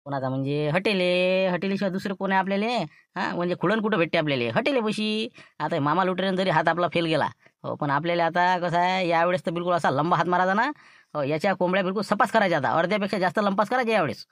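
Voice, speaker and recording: A man's voice: high-pitched, quick pace, a bit bright, no echo, studio quality. A man with a Varhadi Marathi accent playing a boastful schemer in a comic sketch, rambling about his plans. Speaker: scheming villager in a comedy skit.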